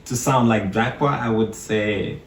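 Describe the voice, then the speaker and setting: A man's voice: fairly low pitch, measured pace, slight background noise. A man from Cameroon, a guest entrepreneur, talking thoughtfully in a casual interview and laughing easily. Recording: roomy, distant mic with faint ambience.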